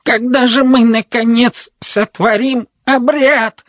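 A man voicing a fussy, grumbling male wedding robot with a creaky metallic voice, in an audiobook reading. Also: very high voice, steady tone, takes it slowly, a bit bright, dry recording, voice pushed up, full character voice. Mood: plaintive. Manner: pedantic, fussy, complaining. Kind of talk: audiobook character voice. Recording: dull lo-fi recording.

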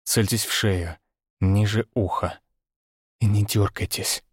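A man voicing a tense male hunting guide who hisses quiet orders in an audiobook. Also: fairly even intonation, slow, slightly rough, dry recording, clean studio sound. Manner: hissed, low whisper-like orders. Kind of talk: audiobook narration.

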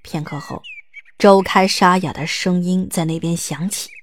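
A woman reading the narration of an audio drama in a smooth, lightly wry storytelling manner. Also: on the low side, fairly even intonation, measured pace.

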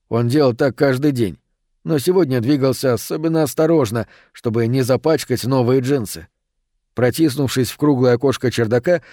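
A man's voice: mid-range voice, darkish tone, no echo. Man narrating steadily in a dry booth. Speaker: audiobook narrator. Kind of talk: scripted narration.

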